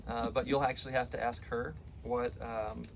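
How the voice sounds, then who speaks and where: Middle-aged american guy doing a tender eulogy, halting and faltering, medium pitch, noisy room sound behind him. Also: flat delivery, vocal fry. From Florida, United States. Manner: faltering, halting delivery with pauses and repeated words. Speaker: son giving a eulogy for his father.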